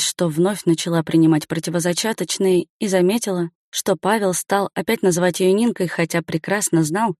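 A woman narrating a story aloud in an even, matter-of-fact reading. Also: fairly low pitch, no room sound, studio quality. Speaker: audiobook narrator. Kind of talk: scripted narration.

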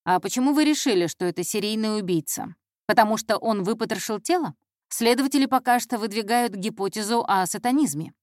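A woman's voice: mid-range voice, animated, a little fast, no echo, close to an everyday voice. A woman voicing a curt, impatient male police investigator who speaks in a dry, clipped way. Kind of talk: audiobook character voice.

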